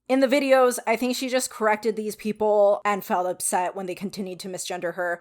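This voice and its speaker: A woman with a weak voice giving frank, casual opinion commentary to viewers, with some swearing. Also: medium pitch. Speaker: video commentator.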